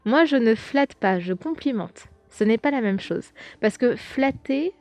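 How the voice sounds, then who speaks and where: A woman's voice: on the high side, animated, unhurried, darkish tone, no room sound. Chatty young woman, dry sound. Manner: chatty, lots of fillers and restarts. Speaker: podcast host. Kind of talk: casual chat reading viewer comments.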